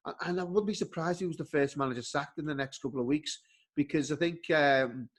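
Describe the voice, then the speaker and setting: Slightly high-voiced man with hesitant starts. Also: fast talker. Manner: hesitant starts and repeated words. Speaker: podcast co-host. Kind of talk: casual football chat.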